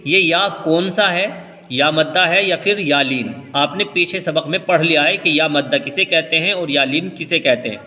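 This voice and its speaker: A man from India teaching Quran reading, spelling out letters slowly and then explaining the rules quickly. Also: on the high side, bright, forceful tone, big-room sound. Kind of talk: step-by-step recitation lesson.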